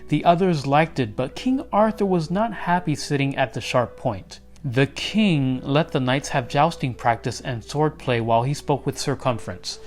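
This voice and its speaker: A man narrates a children's storybook aloud with expressive delivery. His voice sits in the mid range, moving at a moderate pace with hardly any pauses, while faint music plays behind him.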